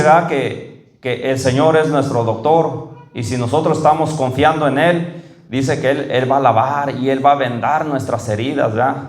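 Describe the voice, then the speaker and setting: A man giving a conversational sermon, often checking in with the congregation and slowing down to read scripture aloud. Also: roomy sound. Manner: slows down and rises in pitch when reading scripture. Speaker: preacher. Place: church hall.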